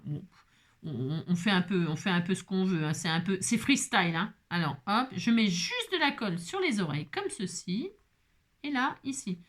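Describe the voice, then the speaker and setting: A woman hosting a casual crafting tutorial, chatty and self-mocking, repeating herself and talking straight to her viewers. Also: fairly low pitch. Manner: chatty and self-mocking, jokes and laughs often; repeats words, talks directly to viewers. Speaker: craft channel host.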